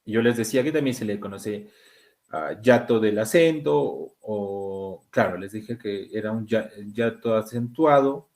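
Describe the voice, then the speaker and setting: A man with a Peruvian accent teaching an exam-prep language class, talking students through questions and slowing down to sound out words. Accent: Peruvian Spanish. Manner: animated, pitch jumps high on key words, slows to sound out words.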